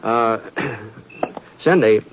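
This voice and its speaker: Over a noisy background, a man with a medium-pitched voice plays a kindly, bashful frontiersman who narrates his own tale. His American Western accent suits the homespun, hesitant, drawn-out old-time radio style, touched with gentle concern. The dull vintage radio recording includes music.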